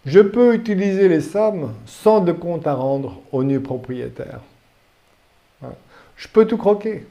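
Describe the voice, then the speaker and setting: A male law lecturer with a fairly high but mellow voice, talking to his students in a recording studio. He keeps it lively with jokes and quick questions to the class. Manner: lively, joking, with rhetorical questions.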